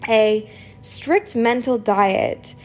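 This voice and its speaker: A woman's voice: a little high, extremely slow, faint music behind. A woman hosting a solo podcast, teaching in a casual, chatty way and stressing points by repeating words. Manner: chatty, informal, emphatic repetition of words.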